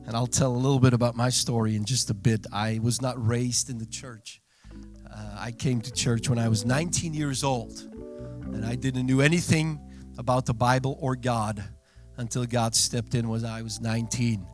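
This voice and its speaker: A man's voice: mid-range voice, fairly even intonation, normal speed, soft background music. A man in his thirties from Belgium, a native Dutch speaker with a Belgian accent, preaching an earnest sermon as a guest pastor. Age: 30s. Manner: earnest preaching, warm asides to the congregation. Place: church sanctuary.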